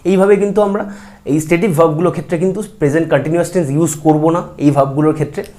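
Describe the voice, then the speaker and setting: A man teaching English grammar in a video lesson. He uses many fillers and slows down to say each English example sentence with care. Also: a little high, steady tone, a little mellow. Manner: speaks slowly and carefully when giving English example sentences, with many fillers.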